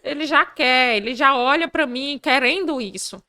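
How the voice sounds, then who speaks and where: A woman with a high, bright and energetic voice talks as a podcast guest. She tells lively stories and takes on the voices of the people she describes. The recording is close and dry, with no room echo. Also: normal speed, clear, resonant tone. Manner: animated, acts out dialogue in her stories. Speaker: podcast guest, business leader. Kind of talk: conversational interview.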